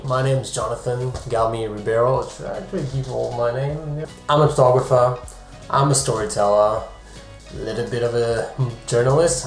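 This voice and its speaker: A French man who works as a travel vlogger and photographer chats casually to the camera in a medium-pitched voice, cutting himself off for joking asides. The sound is roomy.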